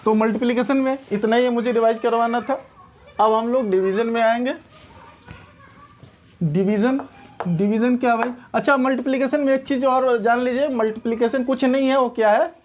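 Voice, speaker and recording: A woman's voice: a little high, fairly even intonation, normal speed, a little mellow, a little hiss or hum. Questioning woman maths teacher. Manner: questioning, checks understanding often. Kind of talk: classroom-style maths lesson.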